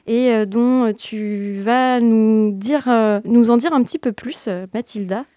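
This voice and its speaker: Woman radio host, slow and halting with fillers, slightly high voice, faint music behind. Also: dark tone, dry recording. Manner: hesitant, many fillers. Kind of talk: live radio presenting.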